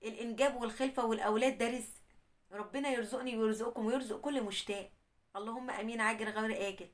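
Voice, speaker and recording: An Egyptian woman hosts and reads a listener's story, speaking fast in a fairly high, steady voice with an Egyptian Arabic accent. She tells it in the first person and offers religious advice, sounding earnest and admonishing.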